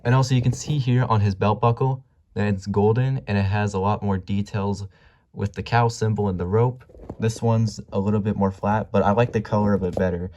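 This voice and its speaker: A man's voice: on the low side, steady tone, fairly quick, dull audio. A man giving a casual product comparison as a toy reviewer. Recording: mellow home recording, faint noise.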